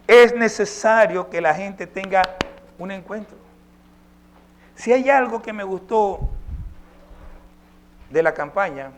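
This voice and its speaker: High-voiced man preaching a sermon. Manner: emphatic, poses rhetorical questions to the congregation. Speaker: pastor.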